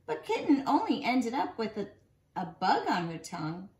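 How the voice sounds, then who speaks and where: A fairly high-voiced woman in her forties, a nursery school teacher, brings a picture book to life for young children at bedtime, lengthening emphasized words. She's recorded at home in a small living room, and the sound is roomy.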